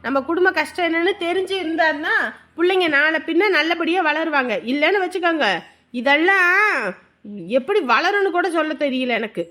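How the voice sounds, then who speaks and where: A woman's voice: very high-pitched, moderate pace, sharp tone. A woman playing a stern, lecturing young mother. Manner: firm, lecturing. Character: strict thrifty young mother, firm and lecturing. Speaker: mother, wife. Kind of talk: village family drama acting.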